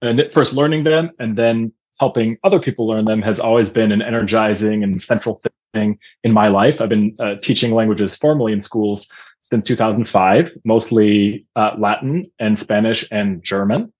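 Man from Austria, husky voice, muffled lo-fi call audio, thoughtful teacher guest. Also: lowish voice, normal speed, darkish tone. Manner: thoughtful, with frequent uh fillers. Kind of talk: casual interview chat.

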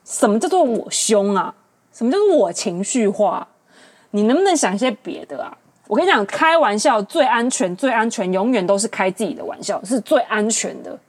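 A woman in her late twenties with a Taiwanese Mandarin accent, hosting a casual dating-advice monologue in an animated, exasperated, ranting manner. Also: mid-range voice, moderate pace. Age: late 20s. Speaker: podcast host.

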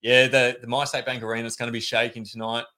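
An Australian man co-hosting a sports podcast, chatting in a relaxed, agreeable way. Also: medium pitch, fast. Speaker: podcast co-host. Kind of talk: casual sports chat.

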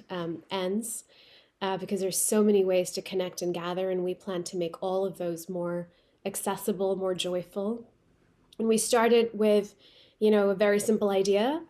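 A Pakistani woman who speaks Urdu as her first language appears as a guest in a remote interview, calling from home. She's a company founder telling her story, restarting often. Her voice is of medium pitch with a dark tone.

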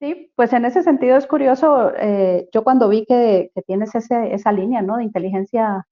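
On dull, lo-fi audio, a woman with a Costa Rican accent whose voice sits on the high side talks about human rights in a relaxed interview. She is thoughtful and hesitant, often restarting, filling pauses and hunting for the right word.

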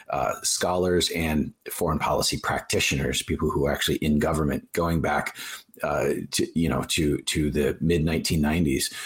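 A man with a very deep, low-pitched voice talks through a political podcast discussion as a guest. He is blunt and emphatic and leans hard on the words he wants to stress. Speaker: guest editor.

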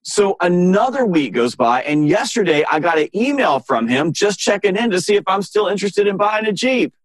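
A man's voice: sits high, moderate pace, no room sound. Emphatic man telling sales stories. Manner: emphatic, animated anecdotes with exasperated rhetorical questions. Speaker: sales author and interview guest. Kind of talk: podcast interview storytelling.

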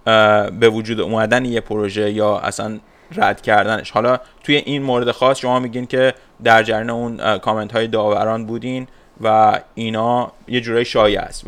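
A man's voice: on the low side, a bit bright. A man interviewing an architect, polite and hesitant, with many filler sounds between his words. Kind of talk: interview questions.

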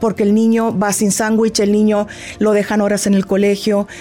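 Faint music sits behind a middle-aged grief therapist as she explains in an interview, her mid-range voice flat and at normal speed. She is patient, warm, and didactic, and acts out short exchanges with a child.

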